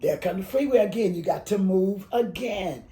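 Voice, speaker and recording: An elderly woman in her eighties, from Alabama and raised in Detroit, tells her family's story for an oral history. Her voice is dark and mellow, and her speech wanders and halts with emotion. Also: mid-range voice, poor audio. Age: 80s. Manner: rambling, emotional, halting.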